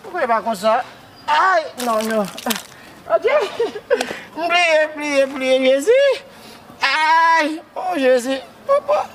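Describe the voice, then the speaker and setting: A man's voice: very high-pitched, sing-song, takes it slowly, noisy background, exaggerated voice. A man with a Haitian accent playing a grief-stricken widower who sobs, wails and keeps calling out to Jesus. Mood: wailing. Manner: repeats words, cries out to Jesus. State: wailing and sobbing. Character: grief-stricken man mourning his dead wife.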